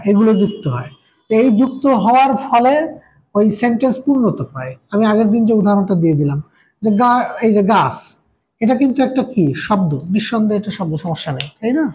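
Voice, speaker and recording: A man's voice: sits high, a little mellow, poor audio. A male teacher leads a classroom grammar lecture. He repeats his points in a call-and-response pattern, posing a question and then giving the answer himself.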